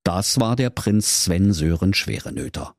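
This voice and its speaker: A man's voice: deep voice, expressive, unhurried, no room sound. Man reading a silly kids fairy tale, bouncy voice, dry close sound. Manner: playful, storyteller's lilt. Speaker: narrator.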